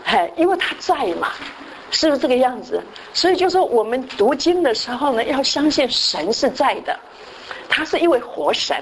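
A woman gives a sermon as a long told story. Her voice sits a little high, and she keeps dropping English words into her speech. A faint noise runs under the recording. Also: very animated, normal speed, rough recording. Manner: frequent "好" fillers and restarts. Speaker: church speaker.

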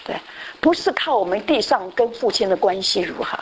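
On a low-quality recording with slight background noise, a woman pastor with an expressive mid-range voice teaches a conversational Bible class. Her phrases get repeated, and a brief affirming word frequently fills her pauses.

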